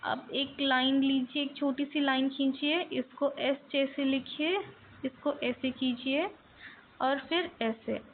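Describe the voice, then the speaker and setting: Woman teacher, high voice, slow, careful delivery, lo-fi phone-like recording. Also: fairly even intonation, slight background noise. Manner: mixes English words into Hindi, stretches sounds for pronunciation. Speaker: Hindi teacher. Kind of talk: slow, patient teaching with drawn-out example words.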